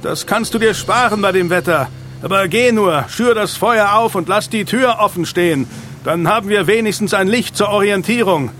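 A man voicing a stubborn grown man who shouts orders to his companions during a storm. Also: fairly high pitch, expressive, measured pace, slight background noise, voice pushed up. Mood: urgent. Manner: shouting commands over the storm. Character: stubborn adult man leading others through a storm. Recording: music bed underneath.

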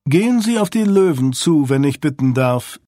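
A man voicing a suave, coldly courteous male agent in an audiobook, speaking softly with quiet menace. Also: a little high, lively intonation, dry recording, clean studio sound, close to an everyday voice. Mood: silky menace. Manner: soft, courteous, unhurried.

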